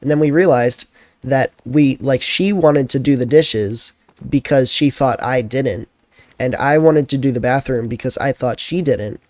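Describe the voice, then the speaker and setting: A man's voice: mid-range voice, measured pace, darkish tone, dry recording. A tired young man chatting casually as a streamer, telling a rambling story full of fillers.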